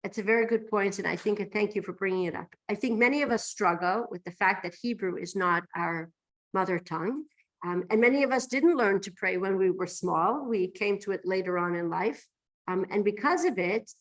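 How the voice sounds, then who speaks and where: Teaching a religious class, a woman explains texts with emphasis, often throwing rhetorical questions at her listeners and checking in with "right?". Her voice is medium in pitch and fairly quick, and the recording is rough.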